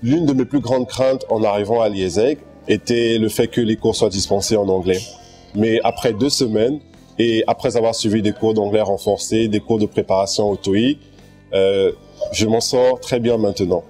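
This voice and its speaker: A young man from Cameroon, an accounting student, giving a steady and composed testimonial. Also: on the low side, moderate pace, faint music behind.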